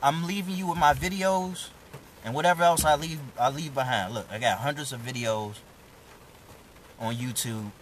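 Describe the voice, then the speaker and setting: A man's voice: medium pitch, moderate pace, a little hiss or hum, poor audio. A young man giving a casual, profane, streetwise motivational talk on his own live video. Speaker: vlogger.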